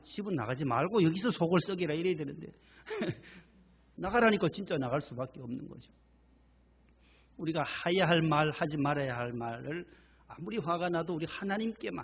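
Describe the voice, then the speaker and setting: A man's voice: fairly high pitch, creaky, husky, highs cut off. A male pastor delivering a church sermon with emphatic preaching, repeating key words for stress. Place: church sanctuary.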